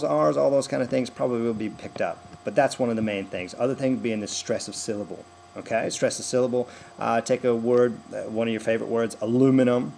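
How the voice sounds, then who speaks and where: A man's voice: mid-range voice, gravelly, darkish tone, a little hiss or hum. An American man working as a dialect coach, explaining accent stress with many fillers and restarts. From United States. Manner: demonstrates sentence stress by example. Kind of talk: direct-to-camera introduction.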